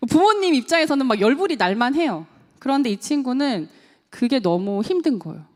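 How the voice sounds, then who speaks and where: A woman's voice: sits high, brisk. A woman, a parenting coach and teacher, giving a seminar talk to parents, asking the audience questions and acting out quotes. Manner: animated, asks the audience questions and acts out quotes. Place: church hall. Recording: echoey church hall.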